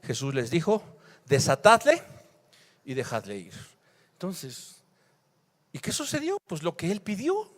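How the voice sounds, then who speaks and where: A man preaches from the pulpit, and his voice sits high for a man. He moves from forceful, raised emphasis to quiet, hushed reading. A long reverb trails behind him in a church hall. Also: wildly swooping pitch, measured pace, pauses often. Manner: dramatic swings between loud emphasis and hushed, quiet reading. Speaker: pastor. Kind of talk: sermon.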